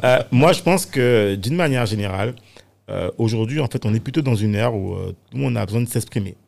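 A man chatting in a studio round-table discussion, talking in an animated way and filling his sentences with frequent fillers. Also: medium pitch, a little fast, gravelly. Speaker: podcast guest. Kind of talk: casual round-table chat.

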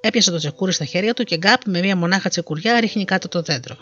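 A storyteller reading a fairy tale aloud with lively delivery, on a dull lo-fi recording with faint music behind. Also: medium pitch.

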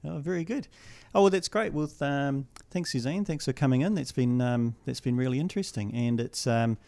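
Relaxed New Zealand man hosting a podcast. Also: medium pitch, fairly quick, slight background noise. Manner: relaxed, hesitant with many ums. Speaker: podcast host. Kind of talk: casual interview chat.

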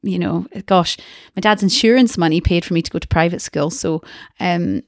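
A woman's voice: on the low side, moderate pace, dry recording, clean studio sound. A woman with a Glaswegian Scottish accent, telling her personal story in a hesitant, reflective way in conversation. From Glasgow, Scotland. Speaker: interview guest.

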